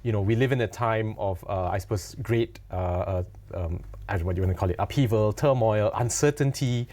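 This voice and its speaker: A man hosting a broadcast interview asks long, conversational questions with some fillers. His voice is on the low side, brisk and a little mellow.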